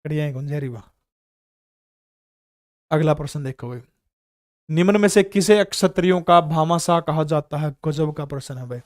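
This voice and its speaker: A man's voice: on the high side, darkish tone, smooth, no room sound, clean studio sound. A man in his thirties with a Haryanvi accent, teaching an online general-knowledge exam class and quizzing students with rhetorical questions.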